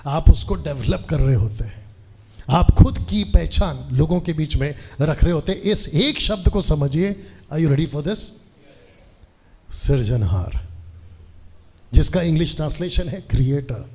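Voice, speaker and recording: A man's voice: a little high, dark tone, husky. A man in his forties, a pastor, preaching a sermon to a live congregation, often calling on them to answer aloud together and slipping English phrases into his talk. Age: 40s. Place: church hall with a seated congregation.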